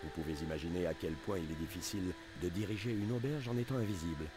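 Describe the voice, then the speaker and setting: A man's voice: low voice, quick pace, noisy background, lightly acted. An actor playing a polite, weary male innkeeper in a video game, speaking formally and pleading for help. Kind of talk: dubbed video game dialogue. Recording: game voice over clear game music.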